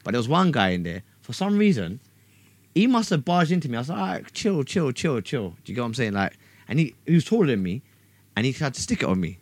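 Casting: quick London roadman, lively swinging pitch, slangy storyteller who repeats himself to drive points home. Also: no echo. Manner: roadman street slang delivery; animated storytelling, repeats phrases for emphasis. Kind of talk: casual group banter and anecdotes.

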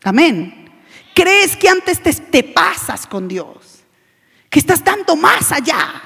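A woman preaching a sermon with passion, swinging between shouted lines and low, intense asides. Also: big pitch swings, slow pace, gravelly. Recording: long reverb of a large hall.

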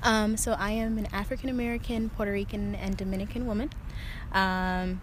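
A woman's voice: medium pitch, steady tone, a little fast. Thoughtful woman interviewee, noisy background. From North Carolina, US. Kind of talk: recorded interview.

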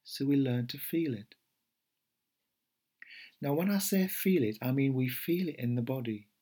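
A middle-aged man speaking in a gentle, unhurried way, like a meditation teacher talking to podcast listeners. His voice is a little husky and sits at an ordinary pitch. He pauses now and then with soft fillers and small restarts. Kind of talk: podcast talk before a guided meditation.

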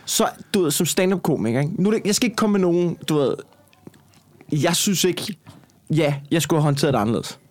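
A stand-up comedian, a man with a Copenhagen Danish accent, telling a story in a loose, rambling way, full of curses and asides. His voice sits a little higher than most men's and climbs when he gets worked up. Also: animated. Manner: profane, rambling, heated. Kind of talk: casual chat, storytelling.

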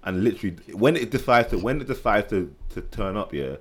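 A man's voice: lowish voice, animated, fairly quick. A young man with a London roadman accent, telling anecdotes in casual, slangy chat with friends. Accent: London, Multicultural London English.

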